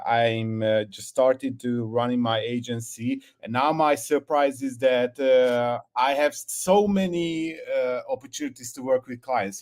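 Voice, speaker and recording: A man's voice: mid-range voice, darkish tone. A man from Hungary, calling in to ask questions, speaking hesitantly with many fillers and restarts. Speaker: caller, new agency owner. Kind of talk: casual call-in question.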